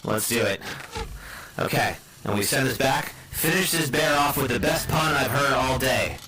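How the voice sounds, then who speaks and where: A man's voice: mid-range voice, normal speed, echoey room, background noise. Mock-dramatic man gaming. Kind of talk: casual gaming podcast chat.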